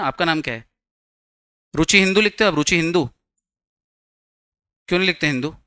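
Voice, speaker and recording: A man's voice: on the high side, sharp tone, no room sound. A young man teaching a law class, chatty and teasing, quizzing his students with jokes.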